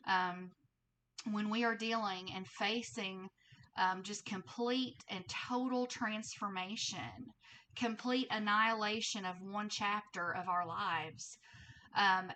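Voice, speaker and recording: A woman's voice: mid-range voice, pushed and bright, a little hiss or hum, rough recording. A woman with a thick Southern US accent gives a casual tarot reading, conversational and often checking in with her listeners. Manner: conversational, with frequent check-in tags like 'okay?' and 'right?'. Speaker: tarot reader and host.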